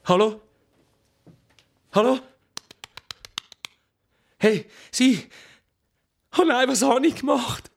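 An actor playing a nervous employee with a Swiss German accent who grows more frightened, in a radio play. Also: male voice, very high-pitched, very slow, long pauses, exaggerated voice. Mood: panicked. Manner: anxious, frightened, increasingly frantic. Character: nervous young employee, panicking. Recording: radio play with music behind.

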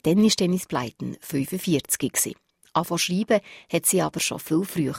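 Low, husky presenter woman. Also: expressive, a little fast, a little mellow, no echo, clean studio sound. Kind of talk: radio feature narration.

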